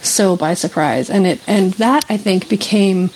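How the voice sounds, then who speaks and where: A Canadian woman guest in an interview, telling a personal story in a casual, animated way with frequent laughs and fillers. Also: mid-range voice, a little slow, slight background noise, poor audio. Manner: animated, laughs often, many fillers and restarts.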